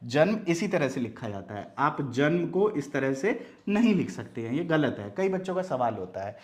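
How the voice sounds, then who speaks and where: Man, fairly high voice, teacher explaining, asks the class questions, lesson style. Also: big pitch swings, normal speed, darkish tone. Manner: explains with frequent rhetorical questions to students. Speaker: Hindi teacher.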